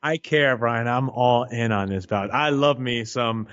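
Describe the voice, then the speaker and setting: A man's voice: mid-range voice, a little slow, a bit bright, clean tone, muffled recording. A man co-hosting a casual boxing chat, emphatic and playful in his opinions. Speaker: boxing podcast co-host.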